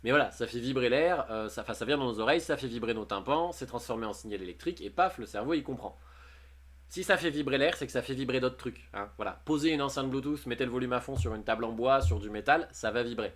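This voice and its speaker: A man's voice: mid-range voice, quick pace, a bit bright. A man chatting casually on a livestream, reading posts aloud and commenting on them with jokes and frequent laughs. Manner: chatty, jokey, often laughing. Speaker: streamer.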